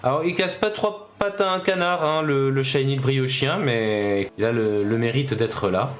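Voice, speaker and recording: A man's voice: mid-range voice, measured pace. Swearing, jokey male game streamer. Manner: reactive, swears, jokey asides. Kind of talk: casual gaming commentary.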